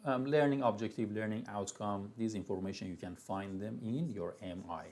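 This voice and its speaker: Persian-accented male lecturer, lowish voice, relaxed classroom talk full of restarts and asides. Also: normal speed. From Iran. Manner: loose, chatty lecturing with many restarts and fillers. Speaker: university lecturer.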